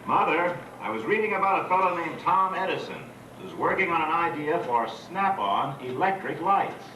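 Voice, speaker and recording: A man's voice: on the high side, expressive, moderate pace, far from the mic, background noise. Folksy proud father on old VHS tape. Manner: folksy, boastful. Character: cheerful proud turn-of-century family father. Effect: old home VHS tape of a theme-park show. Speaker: animatronic show narrator. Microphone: camcorder in the audience. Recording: echoey show hall taped from afar. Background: loud show music.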